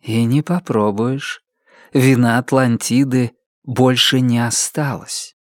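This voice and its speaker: A man reading an audiobook, voicing an ancient, gentle angel in a slow, measured, solemn way. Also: mid-range voice, steady tone, dry recording, studio quality, natural voice. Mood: wistful. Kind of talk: audiobook character voice.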